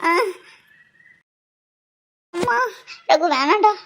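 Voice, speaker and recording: A woman voicing a cheeky little girl in a cartoon, sassy and quick to bicker. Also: extremely high pitch, animated, fairly bright tone, full character voice. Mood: pleading. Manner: sassy, bickering, turns to pleading. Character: cheeky, teasing little girl nicknamed shorty. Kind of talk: cartoon voice acting.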